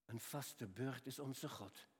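A man's voice: medium pitch, slow pace, breathy edge. Older male preacher in a reverberant hall. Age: 70s. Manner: storytelling, swings from quiet to raised emphatic. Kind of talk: sermon.

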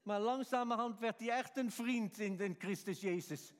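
A man preaching in a church, his voice high for a man and trailing off into a long hall reverb. He is animated, acting out quotes and chuckling as he goes. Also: normal speed. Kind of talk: sermon.

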